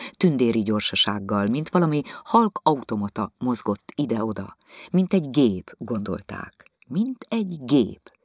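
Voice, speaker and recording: Audiobook narrator, man, lively intonation, dry close sound. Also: mid-range voice, no echo.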